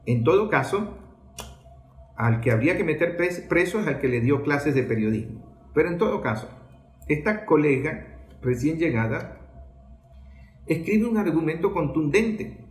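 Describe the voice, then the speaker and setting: In an echoey room, a journalist with a Venezuelan accent gives a political talk, asking rhetorical questions and then answering them himself. His fairly high voice is expressive, and he speaks at a measured pace with frequent pauses.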